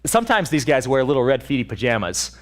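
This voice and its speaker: A man's voice: mid-range voice, very animated, quick pace. A young man, a pastor's son, preaching a casual, joking sermon at a church service, with many fillers and restarts. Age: young adult.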